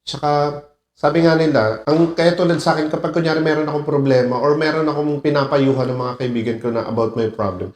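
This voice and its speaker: A man's voice: a little high, steady tone, fairly quick, echoey room. A man hosting a reaction video, talking emotionally and dropping in English phrases. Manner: emotional, mixing English phrases, laughs often. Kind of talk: casual reaction commentary.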